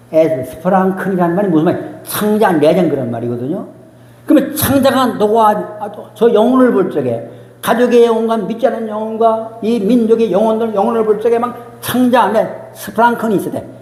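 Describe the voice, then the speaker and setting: A man's voice: high voice, warm tone. A man preaching a sermon as pastor, emotional and emphatic, repeating key phrases. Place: church sanctuary. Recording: roomy church hall reverb.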